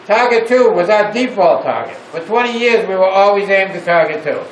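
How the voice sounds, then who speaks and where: A man's voice: sits high, expressive, normal speed. An older man guiding visitors with emphatic storytelling in short phrases, his voice echoing inside a silo. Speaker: tour guide. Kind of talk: guided tour narration to visitors. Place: echoing underground missile silo on a tour. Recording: echoing inside a silo, distant mic, faint noise.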